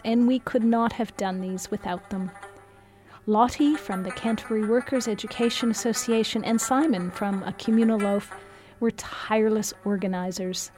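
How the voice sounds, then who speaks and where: A woman giving calm, reflective scripted narration. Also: medium pitch.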